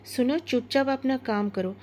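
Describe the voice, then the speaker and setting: A woman voicing a calm, restrained young female cook in a storybook narration. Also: high voice, moderate pace, close to an everyday voice. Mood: stern.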